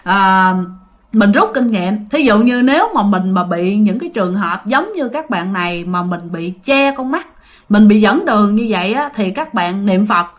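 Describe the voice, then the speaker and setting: A woman's voice: mid-range voice, expressive, normal speed. A woman narrating a ghost story in a chatty way, often turning to her listeners. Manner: chatty, addresses listeners directly.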